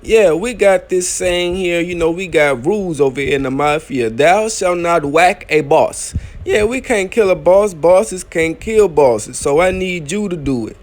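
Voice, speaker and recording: High-voiced man recapping a TV episode. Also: lively intonation, measured pace. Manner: retells scenes in loose street-slang paraphrase, acting out lines. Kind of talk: casual slangy story recap.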